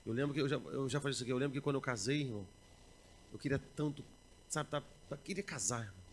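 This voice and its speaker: A Brazilian man preaching a sermon, swinging between loud bursts and low murmurs, and acting out everyday quotes in conversational asides. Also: slight background noise.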